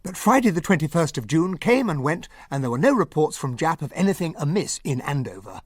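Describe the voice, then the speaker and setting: An actor playing a hearty, loyal English gentleman captain with an English accent and husky voice, narrator and sidekick in a radio play. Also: fairly high pitch, big pitch swings, brisk. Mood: narrating. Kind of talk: radio drama acting.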